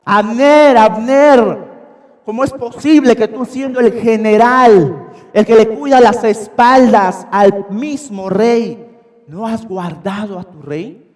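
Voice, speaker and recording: A man preaching voices a young man shouting an urgent reproach across the mountains. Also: high-pitched, unhurried. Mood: reproachful shouting. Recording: long church reverb.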